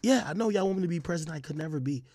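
Speaking very fast with lively intonation, this Jamaican man has a fairly high, mellow voice. He's a podcast host giving unscripted reaction commentary in casual streamer fashion, brash, slangy, emphatic and full of profanity.

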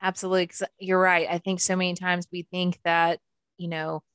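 A woman hosting an interview, warmly affirming her guest with frequent soft agreement. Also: on the low side, little pitch movement, brisk, smooth, no room sound, clean studio sound. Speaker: host.

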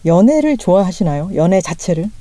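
A woman hosting a podcast interview, asking questions gently and affirming her guest often. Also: on the low side, very animated, brisk, dry recording. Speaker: podcast host.

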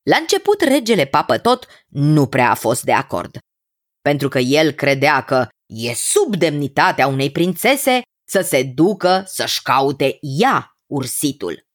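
A woman narrating a children's fairy tale in an expressive, sing-song way. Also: low voice, no echo, clean studio sound. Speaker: storyteller.

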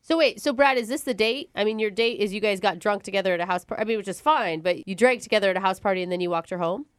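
A woman's voice: medium pitch, very fast, no room sound. A woman co-hosting a radio call-in show, making wry and blunt remarks to the caller.

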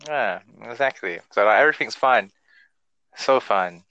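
A man's voice: lowish voice, lively intonation, normal speed, pushed and bright, no echo, dull audio. A man chatting casually in emphatic slang. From Britain.

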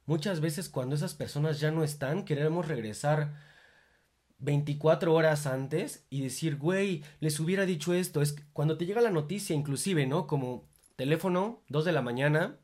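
A man's voice: on the high side, moderate pace, darkish tone. A young man with a Mexican accent hosting a reflective monologue, informal and full of swearing, rising into emphatic bursts. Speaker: podcast host.

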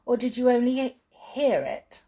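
A woman's voice: fairly high pitch, very animated, moderate pace, pitched above the performer's own voice. A woman voicing a cheerful, giggly little girl in a storybook reading. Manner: bright, giggly.

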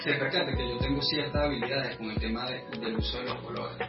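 A Venezuelan man in his thirties talks through his story, pausing often with hesitant fillers. His voice sits at a middle pitch and is picked up from a distance in a roomy space. The recording is dull and lo-fi, with music playing underneath. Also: fairly even intonation. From Venezuela, the llanos. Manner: thoughtful, many hesitant fillers. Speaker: guest artist. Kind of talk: casual interview. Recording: echoey room, distant lo-fi mic, music.

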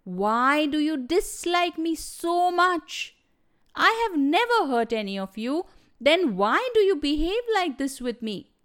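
A woman's voice: sits high, big pitch swings, takes it slowly, a bit bright, pitched above the performer's own voice, exaggerated voice. A woman voicing a lonely male snake who sounds angry but hurt in a storybook. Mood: hurt, reproachful.

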